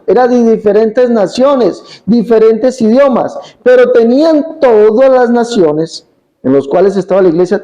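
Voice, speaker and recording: A man's voice: high-pitched, warm tone, muffled recording. A man preaching a Bible teaching, emphatic, repeating his points and asking rhetorical questions.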